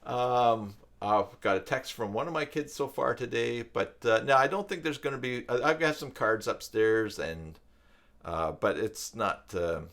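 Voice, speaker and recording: His voice is medium in pitch and a little bright, with vocal fry and a measured pace. He's in his fifties, a tutorial maker hosting a live stream from the downstairs room of his house, and he speaks in a loose, rambling, conversational way.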